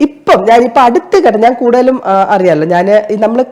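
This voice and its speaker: A woman's voice: on the high side, expressive, brisk, darkish tone. A woman actress as an interview guest, explaining earnestly and at length with fillers and restarts. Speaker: guest, stage and television actress. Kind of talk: casual interview chat.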